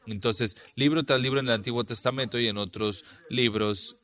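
A man's voice: mid-range voice, steady tone, normal speed, fairly bright tone. A man teaching a Bible class, explaining passages and reading scripture aloud with frequent restarts.

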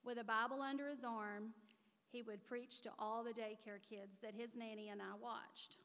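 Woman, 40s, mother of the honoree. Earnest, heartfelt prepared speech, slightly high voice, long reverb of a church hall. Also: fairly even intonation, moderate pace, fairly bright tone. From Missouri. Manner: earnest, heartfelt, reading from notes.

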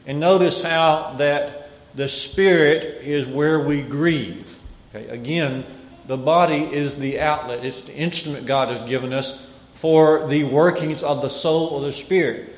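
A man preaching a Bible sermon with a slightly raised pitch, measured and emphatic, going back over his key phrases. His voice carries through a roomy hall and trails off in a long reverb. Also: fairly even intonation.

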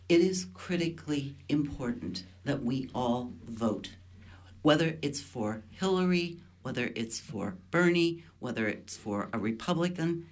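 A woman studio guest on a radio discussion, making earnest, deliberate appeals. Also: a bass voice, darkish tone.

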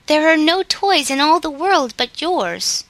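A woman's voice: high voice, lively intonation, a little slow, fairly bright tone, dry recording, voice pushed up, heavily acted. A woman voicing a pleading, earnest little girl in a storybook reading.

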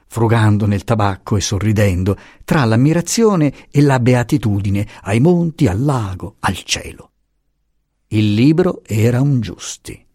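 Husky male audiobook narrator. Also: lowish voice, darkish tone, dry recording, clean studio sound. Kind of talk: scripted narration of a classic novel.

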